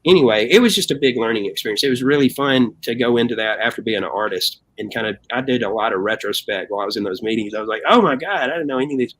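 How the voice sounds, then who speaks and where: Talking fast with hardly a pause, a US band member with a fairly low voice tells stories in a casual interview setting. He animates them by acting out quotes and often says "man", all captured on a rough recording.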